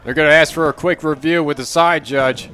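A man's voice: fairly high pitch, steady tone, brisk, sharp tone, clean tone. A man giving conversational, explanatory color commentary on a live soccer match.

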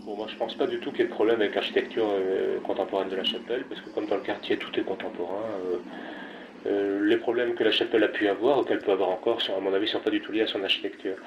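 A man's voice: lowish voice, fairly even intonation, fast talker, lo-fi sound. A man giving spontaneous comments as an interviewee, hesitant, with many fillers and restarts. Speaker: interviewee speaking about a chapel. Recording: noisy background ambience.

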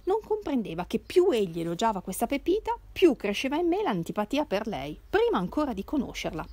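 A woman reading a classic novel aloud in an expressive, measured way. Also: a little high, dry recording. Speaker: reader.

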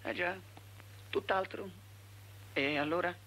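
An actor playing a timid priest who grows sly and wheedling, in a film comedy. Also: male voice, high-pitched, slow, sharp tone, slight background noise, heavily acted.

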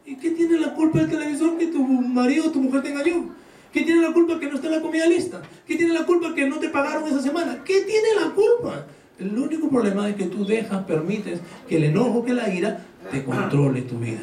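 A male pastor preaching a sermon to his congregation, animated and joking, firing rhetorical questions at them. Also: extremely high pitch, fast. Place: church hall. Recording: echoey hall, voice from far off.

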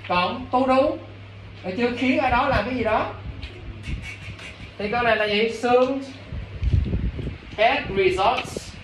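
A man teaching English speaks with a very high-pitched, slightly bright voice at a moderate pace, leaving long pauses. He coaxes students and keeps checking their understanding, recorded from a distance in a noisy, roomy classroom.

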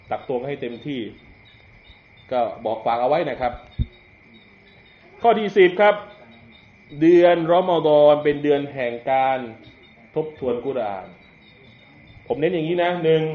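A man giving a relaxed Islamic lecture in a mosque hall. He jokes with the audience and sounds out letters to demonstrate pronunciation. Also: mid-range voice, slight background noise. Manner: joking, conversational, demonstrates pronunciation aloud. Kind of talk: religious lecture. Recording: echoey, dull lo-fi hall recording.

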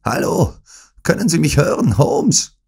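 Sneering villain who taunts loudly, voiced by a man; pushed high above his own register. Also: very animated, a little slow, creaky, heavily acted. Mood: calling out. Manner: loud, taunting, mocking. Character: sneering, mocking male villain gloating at a rival. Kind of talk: audiobook acting.

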